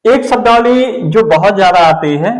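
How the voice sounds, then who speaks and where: A man teaching an exam-prep spelling lesson, going slowly and repeating each word. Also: sits high, expressive, echoey room, poor audio. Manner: slow, deliberate, repeats words for the student.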